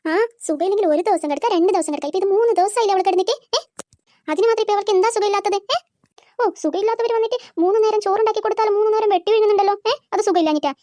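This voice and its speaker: A shrill, very high cartoon voice of a nagging old mother-in-law, rattling off sarcastic complaints at a quick clip. The sound is dry and close. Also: warm tone, dry recording. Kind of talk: cartoon voice acting.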